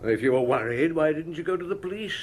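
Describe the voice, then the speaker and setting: An actor playing a shrewd middle-aged French police inspector who asks calm, measured questions in a naturalistic radio drama. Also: male voice, a little high, slightly rough. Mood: probing, businesslike. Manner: measured, probing questions with thoughtful murmurs.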